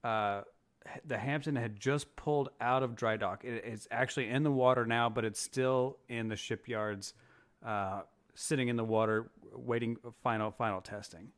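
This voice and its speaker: A man, a former submariner, telling sea stories in casual chat, animated and swearing freely. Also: mid-range voice, moderate pace. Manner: animated, acts out shouting in quotes, swears freely.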